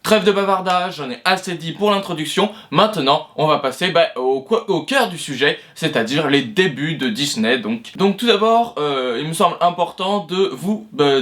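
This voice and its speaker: A man's voice: on the high side, a bit bright. A man hosting an explainer video, talking it through casually with many fillers and restarts and the odd self-mocking aside. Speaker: video host.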